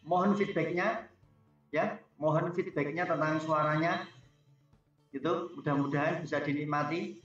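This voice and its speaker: Man's voice booming with cavernous echo. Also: steady tone, measured pace, long pauses, highs cut off. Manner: chatty, keeps asking listeners for audio feedback. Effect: heavy cavernous echo on the voice. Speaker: host of an online product session. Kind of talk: casual live-stream talk. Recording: booming echo, distant mic, loud music behind. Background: loud music.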